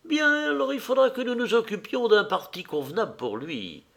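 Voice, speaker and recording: A man voicing an old society hostess, a bossy matchmaker who talks in a fussy, commanding way with a raised, fluttery pitch. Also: animated, moderate pace, vocal fry, a bit bright, exaggerated voice. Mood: chiding.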